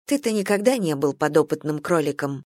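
A woman's voice: low-pitched, expressive, a little fast, a little mellow, no echo, clean studio sound. An audiobook narrator voicing a blunt, matter-of-fact young woman soldier.

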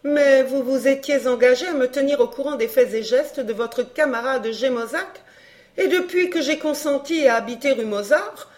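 A woman reading a proud, sharp-tongued young countess, cool and teasing, in an audiobook dialogue. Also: high voice, normal speed, natural voice.

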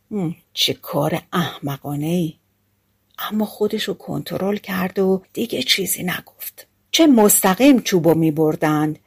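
Woman narrating a folk tale. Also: medium pitch. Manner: conversational spoken storytelling with lively character voicing. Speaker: audiobook narrator.

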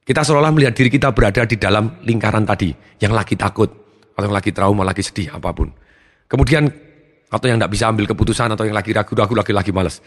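Fast-talking energetic male trainer. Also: fairly low pitch, big-room sound. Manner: energetic, acts out his students' lines. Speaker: motivational trainer. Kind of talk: seminar talk.

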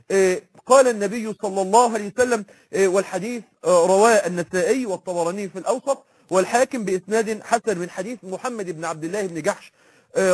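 A man's voice: high voice, slightly rough. A man with an Egyptian accent giving an impassioned religious lecture, repeating phrases for emphasis. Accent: Egyptian Arabic. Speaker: preacher.

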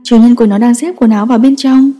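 A woman narrating a story in a steady, scripted storytelling style. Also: a little high, quick pace, big-room sound. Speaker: audiobook narrator.

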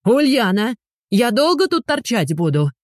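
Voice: mid-range voice, sing-song, unhurried, no echo, studio quality, pitched above the performer's own voice. A reader voicing a grown man, a whining, demanding, pompous ex-husband, in an audiobook. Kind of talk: audiobook dialogue.

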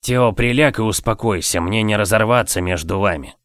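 A man voicing a calm, caring young noblewoman who speaks gently and reassuringly. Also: lowish voice, moderate pace, dry recording, studio quality, natural voice. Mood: gentle.

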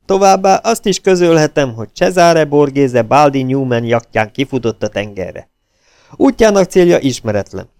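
A brash detective sidekick bursts in, loud and teasing, his voice pushed higher than a plain reading voice, as an audiobook narrator puts him on. The tone is gravelly and close to the microphone, with no room sound around it. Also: expressive, no echo, close to an everyday voice. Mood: excited teasing. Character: brash, excited male detective partner.

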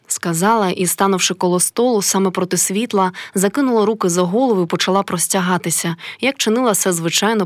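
A woman narrating a literary audiobook in a measured, expressive way. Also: medium pitch, no echo, studio quality.

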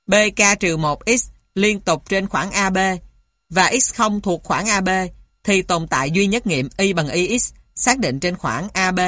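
A woman's voice: on the low side, a bit bright, dry recording, clean studio sound. A woman reading scripted lesson material aloud in a methodical way, carefully spelling out each element like a lecturer. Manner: methodical, spells out symbols and punctuation.

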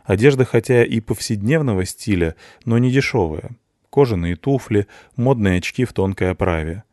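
A man narrating an audiobook in the first person, in an even, detached tone. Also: on the low side, moderate pace, no room sound, studio quality.

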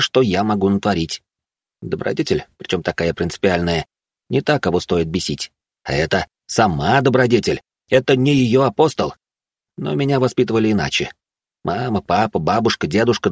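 A man reading a first-person audiobook with a low, husky voice. His storytelling is terse and heated, and the dry, close sound has no room around it. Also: no room sound. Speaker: narrator.

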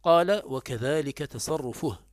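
A man teaching a classical grammar lesson, explaining step by step, asking and answering his own questions and slowly repeating words to drill them. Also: on the high side, dry recording, clean studio sound. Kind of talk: classical Arabic morphology lesson.

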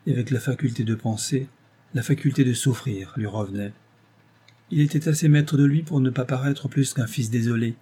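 Mellow, husky male audiobook narrator. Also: mid-range voice. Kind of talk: scripted narration of a novel.

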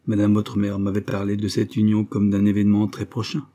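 A man reading the part of a stern, authoritative old soldier in a measured, solemn manner. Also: on the low side, monotone, mellow, lightly acted.

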